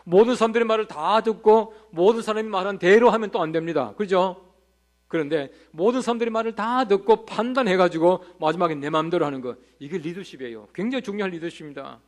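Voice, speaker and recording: A man's voice: sits high, fast talker. A male pastor preaching a revival sermon in a church, telling funny anecdotes and asking the congregation rhetorical questions.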